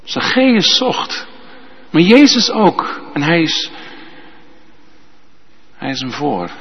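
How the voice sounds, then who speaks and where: A man preaching slowly, his fairly high voice rising and falling in wide swings. The tone is a little husky, and the sound is dull and muffled, with a long reverb trailing through a large church. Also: big pitch swings. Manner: slow, emphatic preaching with tag questions. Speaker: pastor. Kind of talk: sermon.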